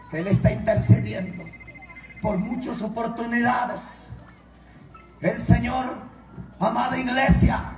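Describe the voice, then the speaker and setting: A male preacher delivering an impassioned sermon, often shouting and chanting his phrases. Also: very high voice. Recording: echoey hall, distant mic, music behind.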